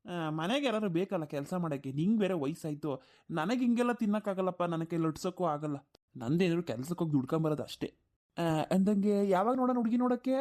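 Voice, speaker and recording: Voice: mid-range voice, lively intonation, fast talker, a little mellow, natural voice. A performer doing a whiny, lazy grown son. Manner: whiny, complaining. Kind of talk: cartoon voice acting.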